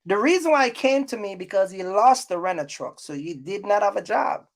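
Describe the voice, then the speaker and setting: A woman gives trucking business advice on her casual YouTube vlog, her medium-pitched voice expressive and a little fast. Unscripted and blunt, she scolds viewers by going over the same points again for emphasis.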